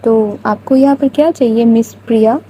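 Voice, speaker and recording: A woman's voice: fairly high pitch, fairly even intonation, mellow, husky, low-quality recording. A woman voicing a thoughtful young woman who teases and questions her new girlfriend. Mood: teasing. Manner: teasing, questioning.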